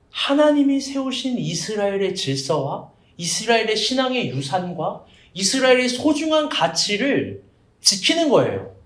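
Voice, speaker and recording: High-pitched lively male preacher, roomy echo. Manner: animated, jokey storytelling with questions to the congregation. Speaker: evangelist pastor. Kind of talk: sermon. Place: small church sanctuary.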